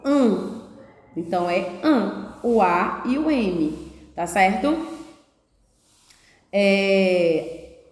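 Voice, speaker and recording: A woman primary school teacher explaining a lesson to young children, patiently sounding out syllables slowly and checking in often. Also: fairly high pitch. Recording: echoey room, long reverb.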